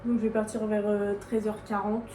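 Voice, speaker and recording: A woman's voice: mid-range voice, little pitch movement, normal speed, far from the mic. A young woman vlogging casually at home while getting ready, rambling and self-mocking in slangy talk. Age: young adult. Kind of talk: casual vlog chat. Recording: echoey room, voice off-mic, faint background noise.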